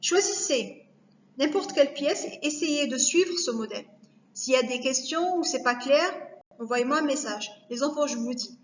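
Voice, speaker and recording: A woman teacher giving a recorded lesson to young children, speaking slowly and carefully, repeating each word to break it down. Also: high voice, animated, slight background noise. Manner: slow, careful, repeats words to spell them out. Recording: echoey room, dull lo-fi sound.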